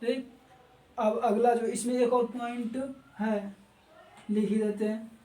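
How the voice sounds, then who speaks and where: A man's voice: extremely high pitch, fairly even intonation, warm tone. Man lecturing in an echoey room. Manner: repeats key words and quizzes listeners with quick questions; stumbles and restarts words. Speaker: teacher. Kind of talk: exam-prep history lecture. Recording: roomy echo, mic at a distance.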